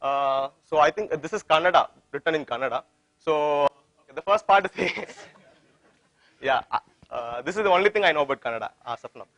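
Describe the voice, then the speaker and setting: A man's voice: a little high, lively intonation, brisk, a bit bright, no room sound. A man with an Indian accent giving an informal technical presentation, often repeating phrases and posing questions that he answers himself. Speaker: tech conference presenter.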